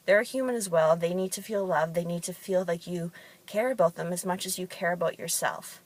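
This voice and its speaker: A woman with a fairly low voice speaks a little fast. She works in fitness and competes in bodybuilding, and she tells chatty stories in a casual monologue full of ums.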